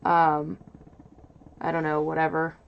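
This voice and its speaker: Woman, loud and nasal, lowish voice, chatty stream host thinking aloud; dull lo-fi audio from an off-side mic. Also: completely flat delivery, a little slow, vocal fry. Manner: rambling, hesitant, full of fillers. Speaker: livestream host. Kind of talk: casual livestream chat. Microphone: mic set off to the side, away from camera.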